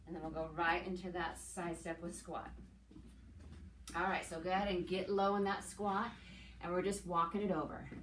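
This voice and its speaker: A middle-aged woman coaching an exercise class as an aerobics instructor, calling cues and counts with steady encouragement while she works out. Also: lowish voice, normal speed. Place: indoors, plain room with hard walls. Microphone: camera several meters away. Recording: echoey room, distant mic, background noise.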